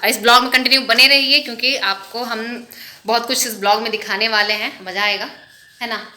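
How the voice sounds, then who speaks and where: A woman's voice: on the high side, fairly even intonation, brisk, bright, forceful tone. A young woman vlogging in a chatty, casual way, slipping English words into her talk. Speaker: family vlogger. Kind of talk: casual vlog narration.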